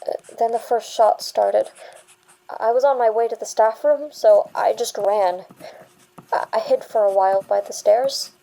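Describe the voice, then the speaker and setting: This is dramatic audio fiction: a woman voices a young bank employee delivering a witness statement, with a fairly high, soft-edged, slightly dark voice and some vocal fry. Her intonation stays fairly even as she stammers haltingly, shaken yet defensive and insistent, on poor audio.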